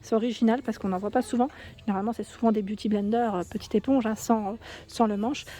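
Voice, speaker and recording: A woman's voice: mid-range voice, steady tone, quick pace. A woman with a French accent walks through a shop filming a vlog, reading out prices and chatting as she looks at products. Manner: chatty, reads prices aloud, thinks out loud. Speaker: shopping haul vlogger. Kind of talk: casual store walkthrough vlog. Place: indoors in a shop under ceiling spotlights.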